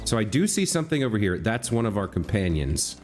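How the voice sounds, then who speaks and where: Casting: male gamer, casual commentary, slightly low voice with lively inflection, thinking aloud over faint music. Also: brisk. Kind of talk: casual let's play commentary.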